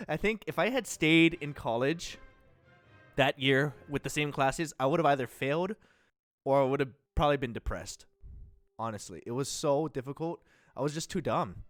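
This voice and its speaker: A man's voice: mid-range voice, fairly bright tone, dry recording. Chatty young man streaming from home. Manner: chatty, self-deprecating, laughs often. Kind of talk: casual chat. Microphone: close desk mic.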